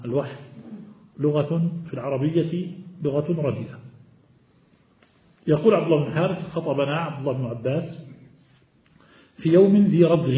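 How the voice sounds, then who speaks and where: A man's voice: fairly high pitch, mellow. A man teaching a classical text lesson, explaining each point step by step and putting questions to his students before answering them. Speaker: hadith teacher. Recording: echoey, dull lo-fi room recording.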